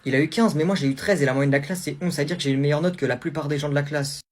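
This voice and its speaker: A man's voice: a little high, racing, lightly acted. A man voicing a timid teenage son who defends himself meekly. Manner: meek, defensive.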